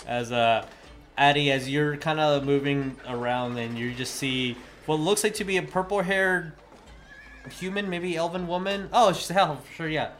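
A man's voice: a little high, moderate pace, fairly bright tone, faint music behind. A man narrating as dungeon master of a tabletop game, laughing often as he describes scenes.

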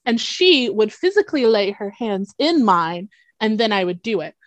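A woman's voice: medium pitch, moderate pace, no room sound. A woman, a children's therapist, telling stories in a casual conversation, acting out the quotes and speaking frankly and informally. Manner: animated storytelling with acted-out quotes. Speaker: guest, children's behavior therapist.

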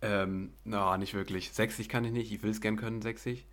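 A young man co-hosting a podcast in a relaxed, chatty way, laughing easily. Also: on the low side, normal speed. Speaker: podcast co-host. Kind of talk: casual chat.

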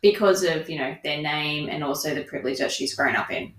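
A woman's voice: low voice, lively intonation, fairly quick. A woman co-hosting a podcast, talking in a casual book review style. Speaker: podcast co-host. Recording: echoey room.

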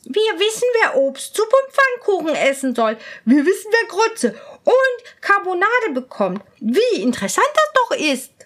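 A woman's voice: very high-pitched, unhurried, few pauses, pitched above the performer's own voice, full character voice. A woman playing giddy gossiping court ladies. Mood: gushing. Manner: excited and gushing. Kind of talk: storybook reading.

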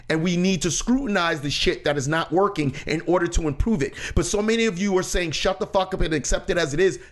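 A man from the United States hosting a casual talk show, speaking bluntly and expressively and swearing freely. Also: high-pitched. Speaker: podcast host.

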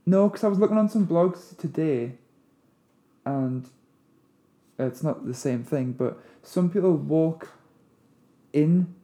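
A man, a wedding photographer chatting casually as a podcast co-host in a mumbling, relaxed way. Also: fairly high pitch, takes it slowly. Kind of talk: casual chat.

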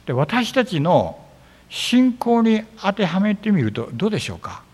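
A man's voice: high-pitched, normal speed, husky, long reverb tail. A man, preaching as pastor, telling stories and acting out the disciples' lines. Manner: animated storytelling, acting out biblical dialogue. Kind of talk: sermon. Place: church sanctuary.

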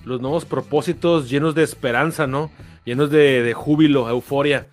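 A man's voice: medium pitch, steady tone, normal speed, faint music behind. A man with a Mexican accent co-hosting a podcast, chatting casually in rambling, heavy slang. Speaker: podcast co-host. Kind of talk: casual chat.

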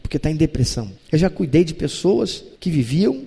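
A man preaching a sermon in a church, dramatic and animated, acting out scenes as he talks. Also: on the high side, moderate pace, gravelly, breathy edge, big-room sound. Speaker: pastor.

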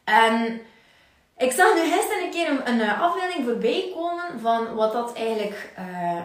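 Energetic Flemish woman, high voice, echoey room. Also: normal speed. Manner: energetic, acts out inner voices, laughs often. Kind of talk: livestream motivational talk. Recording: very echoey room, mic at a distance.

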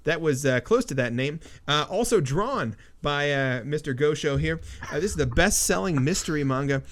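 A man hosting a casual podcast about comics, his voice sitting a bit high for a man. He talks loosely and jokes around, laughing often between his lines and filling gaps with ums and uhs. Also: animated, moderate pace, a bit bright. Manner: jokey, laughs often, many fillers. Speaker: podcast host. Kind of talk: casual chat.

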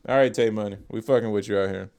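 A man's voice: fairly low pitch, fast, a little mellow. A man co-hosting a casual show, reacting to music videos with loose, profane banter and laughter. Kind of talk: casual chat.

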